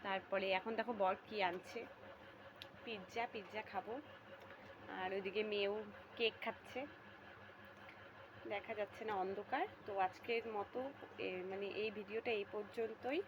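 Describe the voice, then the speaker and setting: A woman's voice: mid-range voice, steady tone, moderate pace, long pauses, background noise. A young woman chatting casually to viewers about her household chores in a vlog. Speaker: vlogger. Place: rural home and riverside.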